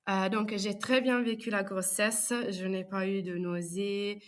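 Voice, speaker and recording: A woman's voice: mid-range voice, level tone, unhurried. A young woman speaking French, telling her story as a podcast guest with many hesitations. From Italy. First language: Italian. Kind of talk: personal interview.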